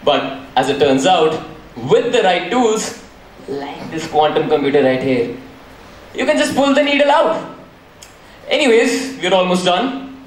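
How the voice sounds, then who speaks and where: A man's voice: high-pitched, sing-song, unhurried, long pauses, voice pushed down. A man playing a young hacker in a school stage play, dramatic and self-questioning. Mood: explaining. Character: young male hacker, boastful then guilt-ridden. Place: large school hall. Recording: echoey hall from far off, faint noise.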